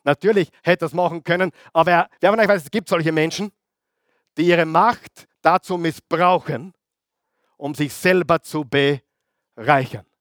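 A man preaching a sermon, animated, acting out voices of biblical figures. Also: on the high side, measured pace, dry recording, studio quality.

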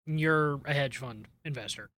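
A man's voice: medium pitch, unhurried, bright, forceful tone. A man on a podcast casually explaining things step by step in short phrases.

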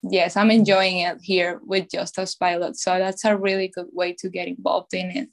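A young woman from Venezuela, chatting in an interview with a lively, filler-heavy manner. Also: on the low side, normal speed, vocal fry. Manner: chatty, lively, lots of "like" and "you know". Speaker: podcast co-host, guest. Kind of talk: casual interview.

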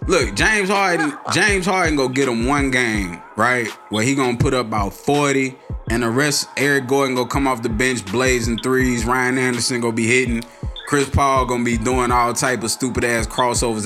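An American man arguing in a hyped-up, animated way in a casual basketball debate. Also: medium pitch, moderate pace. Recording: music playing under the talk.

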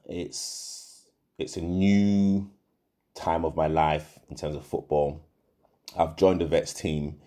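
A man's voice: a bass voice, steady tone, slow, warm tone. A middle-aged man with a Yorkshire accent hosting a casual solo podcast, rambling with frequent fillers and self-corrections. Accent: Yorkshire English. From England. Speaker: podcast host.

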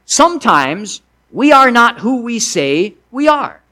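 A man's voice: extremely high pitch, sing-song, takes it slowly, bright, forceful tone. A man preaching a sermon, teaching in a conversational way with restarts and asides.

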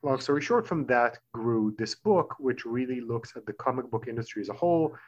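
A man in middle age talks through his ideas as an interview guest, fluent and a little professorial, often speeding into quick bursts. His voice sits at an ordinary pitch for a man. The audio sounds a bit dull and lo-fi. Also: lively intonation. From Israel. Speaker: author and guest. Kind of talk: explanatory interview talk.

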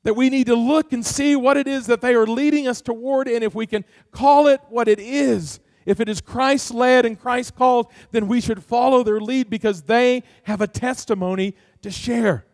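A man's voice: very high voice, steady tone, moderate pace, few pauses, darkish tone, no room sound, studio quality. A middle-aged male pastor preaching a sermon, earnest and folksy, asking many rhetorical questions and telling family stories.

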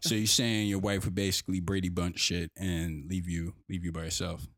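Male co-host, deep voice, dry mic, relaxed rambling banter. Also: normal speed, no echo. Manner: laid-back, repeats himself. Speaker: podcast co-host. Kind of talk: casual chat.

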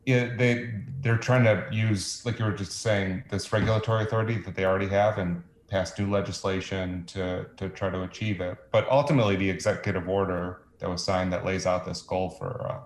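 A man's voice: low-pitched, fairly even intonation, a little fast. A man explaining in an interview as a guest reporter, with hesitant, stop-start phrasing. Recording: echoey room with faint noise.

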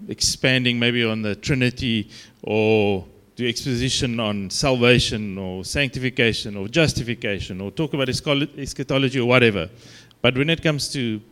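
A man from South Africa with a broad Afrikaans accent, giving an informal sermon as a guest preacher in a halting, conversational, self-deprecating way. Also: medium pitch, fairly bright tone, clear, resonant tone.

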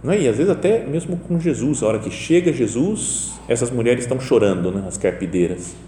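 A man's voice: medium pitch, expressive, brisk, dark tone, slight background noise. A man with a Brazilian Portuguese accent giving a chatty homily in a chapel, often asking his listeners "né?". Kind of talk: conversational homily. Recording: echoey, reverberant chapel with faint ambience.

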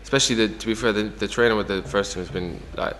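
A man's voice: fairly low pitch, fast talker, fairly bright tone, big-room sound. A young Irish man talking casually as the guest in an interview, full of fillers like "you know". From Ireland. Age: young adult. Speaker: footballer guest.

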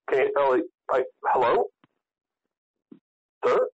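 A male caller with a middle-pitched voice stumbles through his question and keeps asking if he can be heard. The line is dull and lo-fi, with a dry sound. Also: fairly even intonation, extremely slow, fairly bright tone, breathy edge, no echo. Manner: unsure, keeps saying hello.

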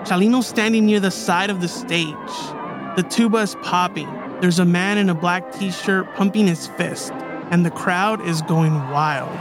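High-voiced man narrating a documentary podcast. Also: fairly even intonation, unhurried. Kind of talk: scripted documentary storytelling. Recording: music bed behind the voice.

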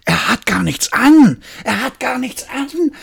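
A woman voicing an excited crowd of townsfolk calling out loudly in a bedtime storybook reading. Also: sits high, a little slow, gravelly, husky, voice pushed up, full character voice. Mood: exclaiming. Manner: exclaiming.

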